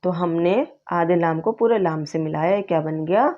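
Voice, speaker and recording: A woman teaching Urdu reading, slowly sounding out and patiently repeating each syllable. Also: lowish voice. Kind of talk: slow spelled-out reading lesson. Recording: slightly dull lo-fi sound.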